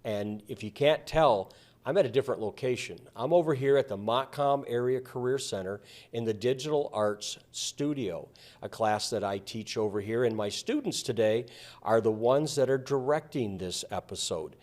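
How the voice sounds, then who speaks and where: A man's voice: medium pitch, moderate pace, darkish tone. Conversational male podcast host. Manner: friendly, conversational questioning. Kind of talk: casual interview. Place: school digital arts studio.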